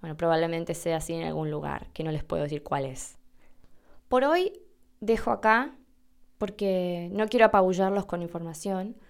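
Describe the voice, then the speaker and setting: A woman's voice: on the low side, moderate pace, creaky. Chatty Argentine woman podcast host. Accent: Argentine Spanish. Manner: chatty, self-deprecating, demonstrates pronunciations. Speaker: podcast host teaching Spanish. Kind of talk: casual educational podcast.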